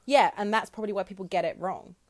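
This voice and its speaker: A woman's voice: mid-range voice, fast. A woman co-hosting a casual podcast chat, dry and self-deprecating, laughing often. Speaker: podcast co-host.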